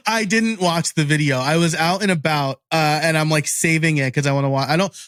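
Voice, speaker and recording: A man with a New York accent, co-hosting a casual tech podcast, curious and quick to laugh. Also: a little high, fairly bright tone, no echo. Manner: chatty, laughs often, curious musing. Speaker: podcast co-host. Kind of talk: casual chat.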